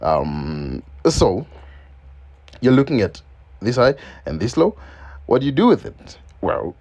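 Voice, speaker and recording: A man from Zimbabwe whose first language isn't English gives a loose screen-share lesson on forex market analysis, peppered with ums and repeated phrases. He has a mid-range, darkish voice with big pitch swings and a slow pace.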